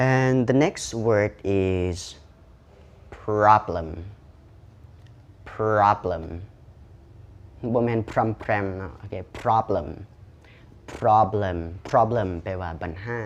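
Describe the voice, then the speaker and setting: Male English teacher with Lao accent, deep-ish voice, very unhurried delivery, drills words one by one. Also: darkish tone, muffled recording. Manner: repeats each word slowly and clearly; switches to slow deliberate English at the sign-off. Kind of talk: pronunciation lesson.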